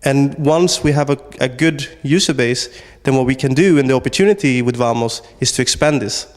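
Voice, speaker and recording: Recorded with a big-room sound, this Swedish man, a startup founder, responds to interview questions haltingly, full of fillers and false starts. His voice is medium-pitched and fairly quick.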